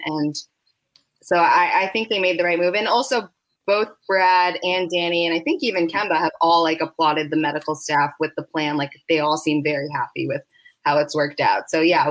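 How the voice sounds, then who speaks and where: A woman co-hosting a casual sports podcast, explaining her view in a measured way. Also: low-pitched, rough recording. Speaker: podcast co-host.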